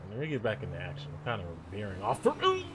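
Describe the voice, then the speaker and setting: A young man giving nervous, excitable commentary while playing a game, yelling when chased. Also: lowish voice, fast, noisy background. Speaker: gaming YouTuber.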